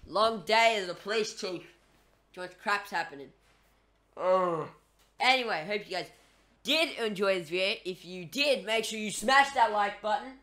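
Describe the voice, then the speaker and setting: Excitable young man narrating gameplay. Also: high voice, moderate pace, long pauses. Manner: excitable, talks to himself, swears at the game. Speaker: gaming YouTuber. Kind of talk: casual gameplay commentary.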